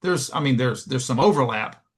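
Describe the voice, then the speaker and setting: A man, a church elder appearing as a guest, chatting casually in a measured way and giving advice. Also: mid-range voice, animated, slightly rough. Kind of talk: casual chat.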